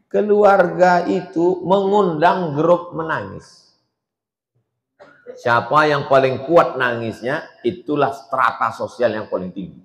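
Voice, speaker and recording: A man's voice: fairly high pitch, vocal fry. A man preaching a sermon in a humorous way, acting out voices as he goes.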